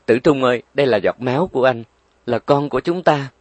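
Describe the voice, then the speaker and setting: A man's voice: mid-range voice, brisk, no room sound, lightly acted. A man voicing a frail young mother who is desperate and pleading, in a weak, raised voice. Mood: tearful.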